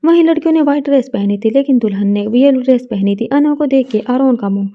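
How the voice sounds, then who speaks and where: Woman, romance story narrator, casual reading, high voice, dull lo-fi recording. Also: fast. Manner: casual, with restarts and fillers.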